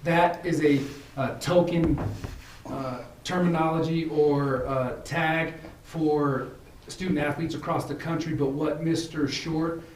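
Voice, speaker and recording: A hoarse male principal addresses a school committee, pausing often and restarting his sentences. His voice sits a little high for a man. He is picked up from across an echoey meeting room, with faint noise underneath. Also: fairly even intonation, distant mic. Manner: halting, with many fillers and restarts. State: losing his voice.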